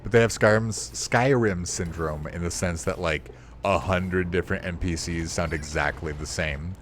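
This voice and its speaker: A man's voice: deep voice, moderate pace, slight background noise. A young man streaming a game, rambling casually, swearing freely and mocking himself as he plays. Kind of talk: casual gameplay commentary.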